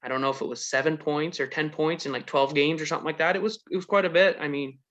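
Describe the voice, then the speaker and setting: A man with a fairly high-pitched voice chats casually as an interviewer. The sound is a little dull and lo-fi. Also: steady tone, fast talker, a bit bright. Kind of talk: casual chat. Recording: dull lo-fi connection.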